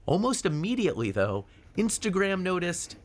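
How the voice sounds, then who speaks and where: Lively news correspondent, a man, on location. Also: high-pitched, slight background noise. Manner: crisp, measured reporter delivery with probing questions. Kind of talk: broadcast feature narration and interviewing.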